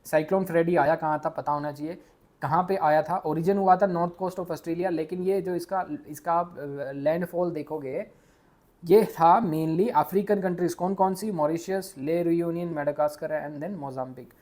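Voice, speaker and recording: A man from India with an Indian accent, teaching a quick exam revision lesson, mixing English into his speech and stumbling over hard names. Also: a little high, darkish tone. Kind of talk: casual exam revision lecture.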